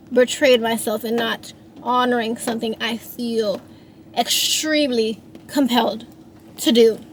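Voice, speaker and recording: A singer-songwriter in her thirties talks through her feelings in a rambling, reflective monologue, restarting often and leaning on fillers. Her voice is on the high side, and the rough recording carries slight background noise.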